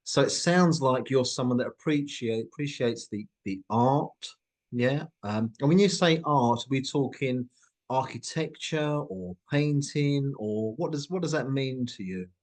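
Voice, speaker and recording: A company CEO hosts a short interview, asking friendly questions in an upbeat, encouraging manner and often restarting his phrases. His voice is medium-pitched, a little slow, and slightly mellow.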